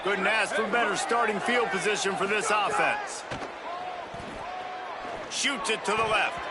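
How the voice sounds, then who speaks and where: An American man calling football play-by-play, with excited, drawn-out touchdown calls. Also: sits high, very noisy. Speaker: play-by-play announcer.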